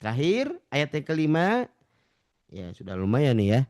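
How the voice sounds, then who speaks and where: A man's voice: on the high side, wildly swooping pitch. A man teaching Quran recitation in an online class, patiently drawing out and repeating sounds for his students. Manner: slow drawn-out model recitation, repeating sounds; patient, addresses listeners as ladies and gentlemen.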